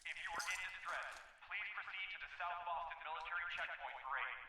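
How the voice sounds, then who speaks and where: Brisk military PA announcer, echoing. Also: male voice, a little high, steady tone. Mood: official. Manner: formal, official announcement reading. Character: male military emergency broadcast announcer. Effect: over a PA loudspeaker. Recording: echoing distant loudspeaker, hissy.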